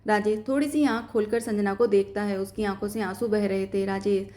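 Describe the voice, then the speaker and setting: A woman's voice: mid-range voice, steady tone, fairly quick, mellow. A woman narrating a scripted emotional story and reading every character herself.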